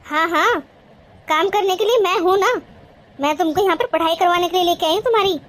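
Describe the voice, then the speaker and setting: A woman's voice: very high-pitched, a little fast, a bit bright. A woman voicing a young married woman in a cartoon, a caring but strict sister-in-law who scolds in a bossy yet affectionate way. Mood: scolding.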